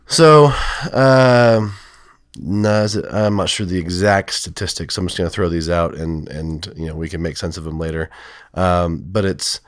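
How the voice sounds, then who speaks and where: A male counselor with a voice lowered by illness, explaining in a rambling, hesitant way full of fillers. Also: a little slow, clean tone, dry recording, clean studio sound. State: sick, voice lowered from strep throat. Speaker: counselor and podcast co-host. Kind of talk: casual podcast conversation.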